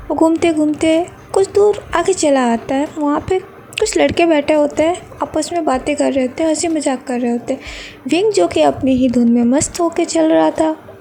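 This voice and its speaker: A woman narrating a romantic fan fiction story in steady storytelling narration. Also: sits high, gravelly.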